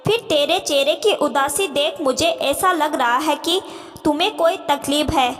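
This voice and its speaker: A woman voicing a caring middle-aged stepmother who gently coaxes her daughter, in a reverberant room. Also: high-pitched, measured pace, soft background music. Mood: worried.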